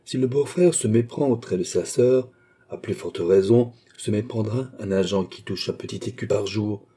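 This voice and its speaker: A man's voice: lowish voice, normal speed, warm tone, breathy edge. A suave police magistrate, read by a man. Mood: smug. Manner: polite, smugly deferential. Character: suave older male police chief. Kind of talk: audiobook reading.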